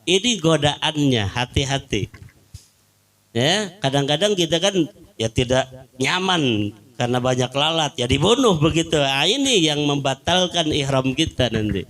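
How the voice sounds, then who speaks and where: Lively Sundanese-accented male preacher. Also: on the high side, unhurried. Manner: lively storytelling, mixing in local phrases and Arabic quotations. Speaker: Islamic preacher. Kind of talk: sermon at a home gathering.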